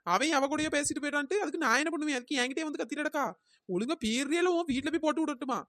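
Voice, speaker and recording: A woman's voice: sits high, racing, a bit bright, dry recording. A woman voicing a scolding, mocking older village woman in a cartoon.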